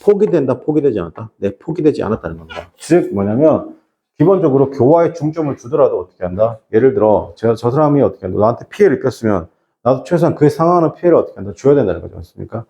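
Middle-aged male teacher, classroom lecture, rhetorical-question habit, mellow tone. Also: mid-range voice, very animated, quick pace, highs cut off. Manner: repeats rhetorical questions to students. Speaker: high school English teacher.

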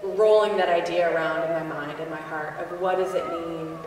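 Her voice is lowish and steady, moving at a normal speed, as this thirties-aged opera singer from Boston talks about her career in a reflective, candid, self-deprecating way. The camera sits at a distance, so the church sanctuary's echo comes through.

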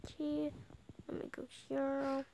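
In casual gameplay commentary, a girl, a child, tours a game house on a handheld device for her channel, chatty but often dropping to a whisper. Her female voice sits high, slow and completely flat, with vocal fry and background noise.

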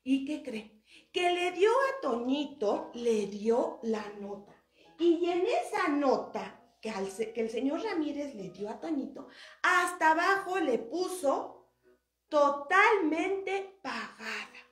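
A woman tells a Bible story to children as their church teacher. Her voice is high and swings widely as she asks them questions. The echoey room carries a faint music bed. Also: sing-song, slow pace.

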